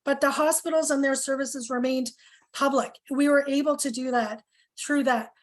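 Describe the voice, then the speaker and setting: High-voiced woman losing her voice. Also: steady tone, moderate pace. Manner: earnest, lots of ums and questions. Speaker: health coalition organizer. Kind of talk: town hall presentation.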